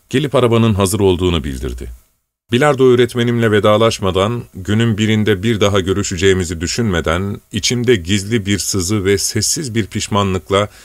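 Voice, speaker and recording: A man narrating a literary story in the first person, measured and reflective. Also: on the low side, dry recording. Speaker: audiobook narrator.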